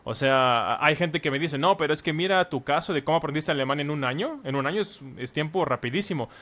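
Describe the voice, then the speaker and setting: Speaking quickly in a somewhat high, fairly bright voice, this man in his thirties is a language teacher and author whose first language is Spanish. As a podcast guest in a relaxed conversation, he gives long explanations packed with examples.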